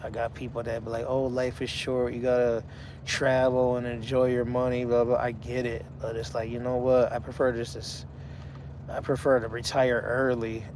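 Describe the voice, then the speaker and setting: This livestream host, a man in his forties, chats casually and addresses his viewers by name in a laid-back way. His medium-pitched voice is completely flat and somewhat dark, at normal speed, with a little background noise.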